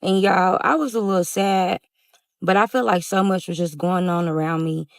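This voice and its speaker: A woman's voice: on the low side, steady tone, moderate pace, vocal fry, no echo. A woman telling her own story in the first person, casually and often calling her listeners "y'all".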